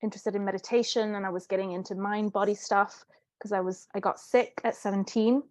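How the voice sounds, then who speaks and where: A woman's voice: mid-range voice, fairly even intonation, brisk, dry recording. A woman who grew up in Italy, a guest on an interview, telling her story in an earnest and reflective way. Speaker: guest, life coach. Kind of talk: interview conversation.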